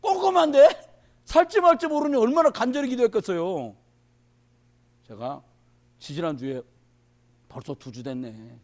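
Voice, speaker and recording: Male pastor, sermon at a prayer meeting; high and very animated, chatty and jokey, jumps from loud outbursts to hushed asides. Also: normal speed, long pauses. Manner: colloquial and joking, swinging between loud exclamations and quiet asides. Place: church.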